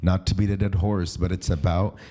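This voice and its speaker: A man with a low, mellow voice chats on a podcast he co-hosts. He talks in an earnest, easygoing way. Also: little pitch movement, brisk. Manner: earnest and conversational, mimics casting directors' lines. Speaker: podcast co-host, actor. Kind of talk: casual conversational chat.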